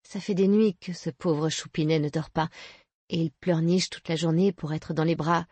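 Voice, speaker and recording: A woman voicing a protective, shaken young mother who talks softly and haltingly in an audiobook. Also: fairly low pitch, steady tone, breathy edge, no room sound. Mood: tender.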